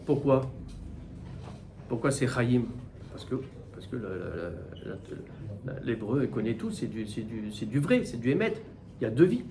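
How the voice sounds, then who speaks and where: A middle-aged man, a rabbi, giving a Torah class in with mixed in, animated and full of rhetorical questions. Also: mid-range voice, normal speed, long pauses, slight background noise. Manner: animated, rhetorical questions, repeats words while searching. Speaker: rabbi teaching the weekly portion. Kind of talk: Torah class, spoken teaching.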